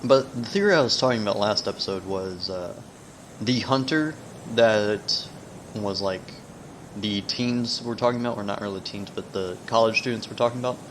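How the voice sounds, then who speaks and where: A man giving casual, rambling gaming commentary, haltingly trailing off mid-thought, with whistling S sounds. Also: fairly low pitch, rough recording. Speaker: video game let's player. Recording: noticeable background noise, sensitive mic.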